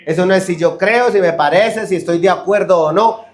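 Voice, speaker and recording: A man's voice: high-pitched, brisk. A man preaching a sermon as a pastor, emphatic, questioning the congregation and acting out the excuses of others. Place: church hall. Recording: echoey church hall.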